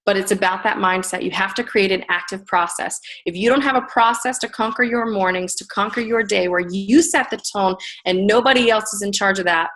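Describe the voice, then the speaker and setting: A middle-aged woman coaching a group on a call, giving an energetic tough-love motivational talk. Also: medium pitch, a little fast, hardly any pauses. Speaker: business coach.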